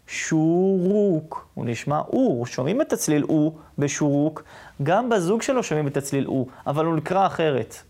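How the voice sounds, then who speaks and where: A woman teacher giving a reading lesson to children, patiently checking in with her listeners and slowly drawing out single syllables. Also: sits low, vocal fry, darkish tone. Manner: patient, asks the class often whether they follow; drawn-out sounding of single syllables.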